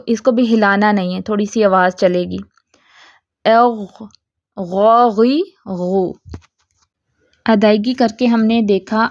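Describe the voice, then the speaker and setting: A woman with a Pakistani Urdu accent teaching Quranic pronunciation, stretching out model syllables slowly and often checking if students follow. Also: fairly high pitch, a little mellow, no echo, studio quality. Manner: patient, drawn-out model syllables, frequent "theek hai?" checks. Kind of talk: tajweed pronunciation lesson.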